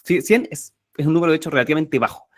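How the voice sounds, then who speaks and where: A man teaching a live online workshop on memorization techniques, emphatic and energetic, often repeating key words. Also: a little high, very fast, no echo, clean studio sound.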